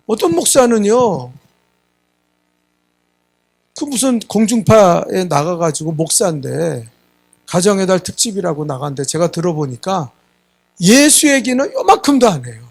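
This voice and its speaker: A middle-aged pastor delivers a Sunday sermon in a high, gravelly, husky voice. He's emphatic, repeatedly prodding the congregation with a questioning "예?" ("eh?"), and he acts out the voices of people he quotes in dialogue.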